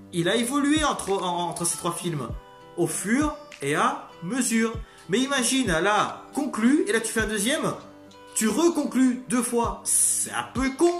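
A man giving a casual spoken review, rambling and excitable, swearing freely and bursting into loud outbursts. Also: high voice. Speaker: video critic. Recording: roomy echo, faint music behind.

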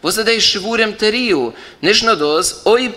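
Male rabbi, Yiddish accent, lecture chant with rising and falling lines, bright voice. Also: sits high, animated, a little slow. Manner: rising and falling chant, stresses key terms, repeats phrases. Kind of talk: Talmudic lecture in a singsong study chant.

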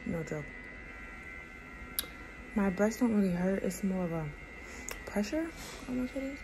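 A young woman vlogs casually in a weak, weary voice as she recovers from surgery. Her medium-pitched speech has a distinct fry to it. The handheld phone recording carries clear noise in an indoor room. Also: expressive, measured pace. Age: young adult. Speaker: vlogger. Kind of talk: casual personal vlog. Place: small indoor rooms with bare walls. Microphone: phone held at arm's length. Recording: noisy handheld phone audio.

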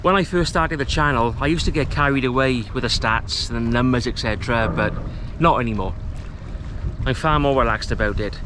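Relaxed man vlogging on a windy shore. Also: mid-range voice, a little fast. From Wales. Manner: relaxed, chatty, self-deprecating. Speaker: fishing vlogger. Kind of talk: casual talk to camera. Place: outdoors on a rocky estuary shore. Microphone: camera mic, close framing.

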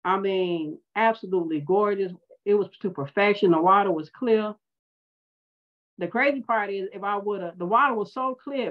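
Woman minister, animated sermon storyteller, mid pitch, dull lo-fi recording. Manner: animated, conversational storytelling with acted-out quotes.

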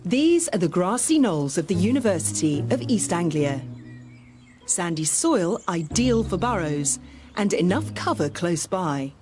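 A woman's voice: on the low side, sing-song, measured pace, music in the background. A woman reading scripted narration for a nature documentary.

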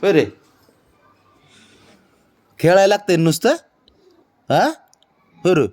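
A man's voice: sits high, takes it slowly, darkish tone. A man chatting with his pet cat in a doting, coaxing way and asking it the same questions again and again. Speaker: cat owner. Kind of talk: casual talk to a pet cat.

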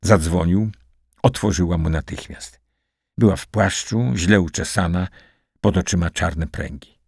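Male narrator, audiobook reading, low voice, husky, dry close sound. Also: unhurried, darkish tone, no echo. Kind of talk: scripted narration.

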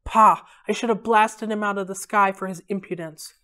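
A woman's voice: medium pitch, steady tone, moderate pace, sharp tone, close to an everyday voice. A woman voicing a stern, proud male king of the gods, grumbling and menacing.

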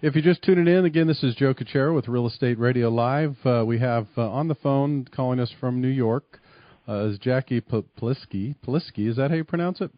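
A man's voice: medium pitch, a little fast, no echo, dull audio. A man hosting a radio talk show, asking casual questions with plenty of fillers.

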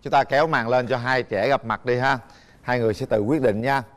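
A man's voice: mid-range voice, fairly even intonation, a little fast. Teasing man hosting a dating show. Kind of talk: lively game-show hosting.

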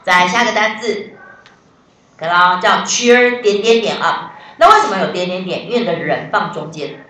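A woman's voice: fairly low pitch, lively intonation, normal speed, bright, forceful tone. A woman English teacher, explaining vocabulary step by step and quizzing her students in class. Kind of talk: classroom lesson. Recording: very echoey classroom, voice from far off.

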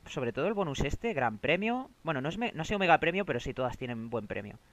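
A young man from Spain with a Spanish accent, streaming live and commenting on his game, excitable and quick to swear as he talks to viewers. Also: on the high side.

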